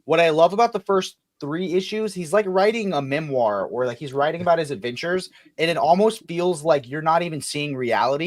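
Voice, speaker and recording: A man's voice: mid-range voice, no room sound, clean studio sound. Rambling man hosting a livestream. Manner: rambling, many fillers and restarts. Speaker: host. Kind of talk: casual livestream chat.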